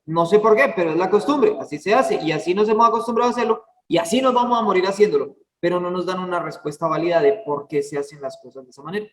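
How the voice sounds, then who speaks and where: A man's voice: high voice, racing, few pauses. A man teaching a church class in a chatty way, full of fillers and asking listeners for words. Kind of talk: informal church lesson. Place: church hall. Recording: echoey hall, far from the mic.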